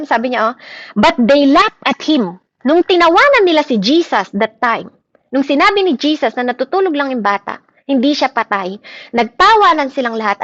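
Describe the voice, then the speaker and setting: A woman preaching a sermon in mixed Tagalog and English, animated, often checking in with "di ba?" with her listeners. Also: fairly high pitch, no room sound. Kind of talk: Taglish sermon. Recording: muffled lo-fi sound.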